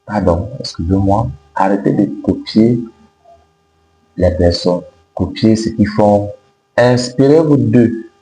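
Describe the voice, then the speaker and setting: Slow-talking man. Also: lowish voice, mellow, soft background music. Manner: emphatic, repetitive, didactic. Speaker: self-help video host. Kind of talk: motivational advice to camera. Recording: roomy echo with faint noise and hum.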